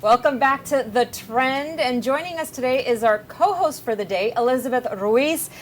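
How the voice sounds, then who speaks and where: A woman's voice: sits high, moderate pace, slight background noise. Upbeat woman co-hosting a talk show.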